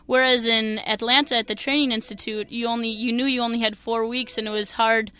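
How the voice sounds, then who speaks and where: Energetic young Minnesotan woman, bright voice. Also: a little high, a little fast, clean tone. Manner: energetic and earnest. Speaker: new teacher, interview guest. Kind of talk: interview answers.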